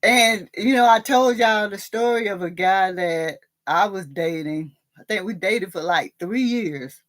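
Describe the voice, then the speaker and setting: Woman, middle-aged, unhurried, laughs a lot, casual live chat host. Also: medium pitch, a bit bright. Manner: laughs often, drawling storyteller. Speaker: livestream host discussing a TV drama.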